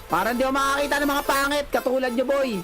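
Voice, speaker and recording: A livestreamer with a high voice taunts the viewers, teasing and repeating jabs in a mocking rhythm. Loud music plays under the whole stream. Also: flat delivery, very fast. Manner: mocking, repetitive, teasing catchphrases. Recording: loud background music over voice.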